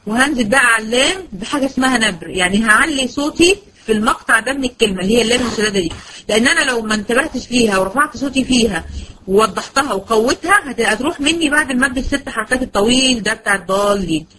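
A woman with an Egyptian Arabic accent teaching Quran recitation, patient and slowing right down to spell out sounds. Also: a little high, animated, bright, forceful tone, slightly rough, rough recording. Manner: patient, slows to a crawl when demonstrating words. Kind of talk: online Quran lesson.

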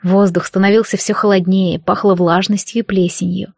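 A woman narrating a fantasy novel in a measured, even storytelling manner, recorded on a close microphone. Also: mid-range voice, gravelly, no echo. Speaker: audiobook narrator.

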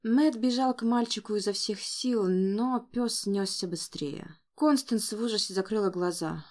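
A woman narrating a fantasy audiobook at a mid-range pitch. Her reading is expressive and dramatic. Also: a little slow.

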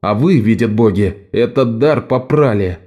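A man voicing a desperate, quick-talking male con man in an audiobook, pleading and insistent. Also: lowish voice, muffled recording, close to an everyday voice. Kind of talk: audiobook character voice.

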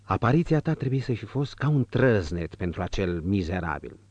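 A man voicing a hushed, calm prince. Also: on the low side, no echo, dull audio. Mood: approving. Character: calm noble prince reading a letter.

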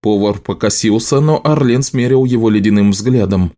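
A man narrating an audiobook in a measured, even reading voice. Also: on the low side. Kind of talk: scripted narration.

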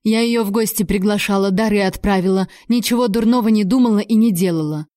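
A woman voicing a scheming, haughty older noblewoman who is mocking and venomous, going shrill when frightened. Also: brisk, warm tone, no room sound, studio quality, close to an everyday voice. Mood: frightened pleading.

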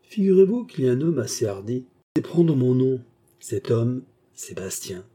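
A man's voice: mid-range voice, sing-song, moderate pace, warm tone, breathy edge. A man voicing a scheming baronet villain who poses as a kind benefactor, talking in an earnest, persuasive way in a French audiobook novel.

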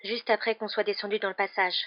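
A woman's voice: medium pitch, flat delivery, fast, lo-fi sound, natural voice. A woman voicing an anxious, clever teenage girl who speaks with urgency.

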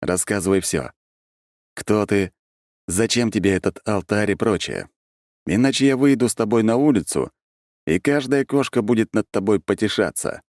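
A wry, stubborn archmage who presses hard and teases, as a man reading the book voices him. The voice sits low, with a lively, swinging pitch, in a dry, close sound. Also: normal speed, no echo, lightly acted. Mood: stern.

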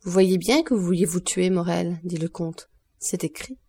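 A woman reading the lines of a grave, commanding nobleman who speaks with steady, quiet calm. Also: fairly low pitch, normal speed, breathy edge. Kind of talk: audiobook reading of a novel.

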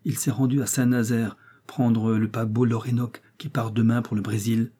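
A man's voice: medium pitch, little pitch movement, normal speed, dark tone, breathy edge, close to an everyday voice. A man reading a storybook voices an elderly grandmother, lamenting then exclaiming with joy. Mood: confiding. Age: older. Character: tearful old grandmother, warm and spirited.

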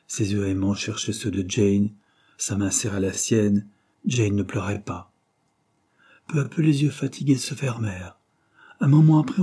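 Male audiobook narrator, measured and steady, dark husky tone. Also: fairly low pitch.

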